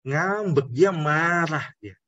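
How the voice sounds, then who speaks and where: Husky-voiced priest teaching Scripture. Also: male voice, a little high, lively intonation, takes it slowly, pushed and bright, no echo, muffled recording. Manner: asks rhetorical questions, addresses the audience directly. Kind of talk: conversational Bible teaching.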